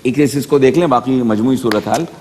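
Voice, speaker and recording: Measured male judge, echoing hall. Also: medium pitch, a little mellow, a little hiss or hum. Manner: measured, advisory, many hesitation fillers. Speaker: judge of a speech contest. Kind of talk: critique on a studio panel. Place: TV studio. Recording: reverberant studio hall.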